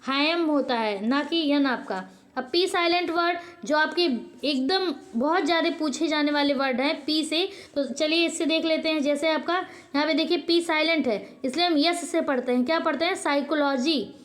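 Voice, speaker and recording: A woman with a high, light voice explains a lesson to her channel's viewers. She drills each point by posing a question and answering it at once. She often pauses and corrects herself mid-word. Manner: frequent hesitations and self-corrections. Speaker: teacher; channel host.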